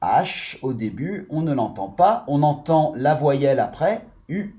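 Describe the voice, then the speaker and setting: A man's voice: fairly high pitch, lively intonation, mellow, husky, highs cut off. Patient man teaching young children. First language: French. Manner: patient, slow and encouraging, stretching out key words. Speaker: primary school teacher. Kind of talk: recorded lesson for young children.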